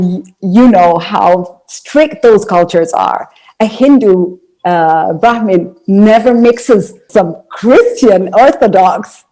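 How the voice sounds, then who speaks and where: Over a video call, a singer and speaker from Ethiopia, a native Amharic speaker, gives casual, chatty interview answers as a guest. She talks a lot, laughs readily, and often restarts sentences; her voice is warm and medium-pitched, though the recording quality is low.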